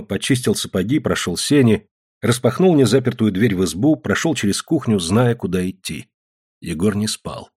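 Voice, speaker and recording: Low husky male audiobook narrator. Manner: expressive storytelling, voicing characters.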